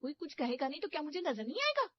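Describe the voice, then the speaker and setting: A woman voices a touchy young daughter-in-law in a cartoon who is quick to quarrel. Her voice is high and she talks fast. The recording is dry and slightly dull. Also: very animated, no room sound. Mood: angry.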